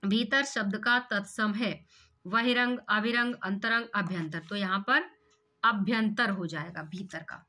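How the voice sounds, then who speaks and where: Speaking at a measured pace in a medium-pitched, pushed and bright voice, a woman teacher walks through an exam paper question by question. Each answer gets a step-by-step explanation, punctuated by rhetorical questions.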